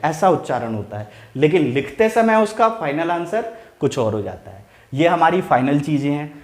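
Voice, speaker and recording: हिंदी व्याकरण पढ़ाने वाला एक पुरुष शिक्षक, जो उदाहरण धीरे-धीरे दोहराता है और अपने ही सवाल पूछकर खुद जवाब देता है।. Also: male voice, mid-range voice, darkish tone, roomy sound. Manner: repeats examples slowly, asks and answers own questions. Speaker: Hindi grammar teacher. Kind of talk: explaining lesson to camera.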